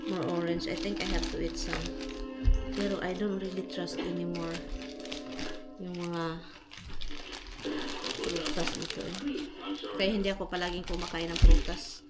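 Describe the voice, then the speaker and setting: A Filipino woman vlogging casually at home with a Filipino accent, mixing chatty talk with hushed asides. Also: lowish voice, little pitch movement, unhurried, long pauses, loud music behind the voice. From Philippines. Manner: chatty, switching between Tagalog and English, often drops to a whisper. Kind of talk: casual vlog chat. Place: home, garage and house. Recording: noisy home recording.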